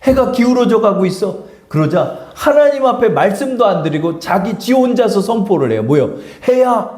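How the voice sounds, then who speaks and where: High-voiced, animated male pastor preaching. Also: moderate pace, echoey room. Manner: animated, conversational preaching with rhetorical questions. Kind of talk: sermon. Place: church sanctuary.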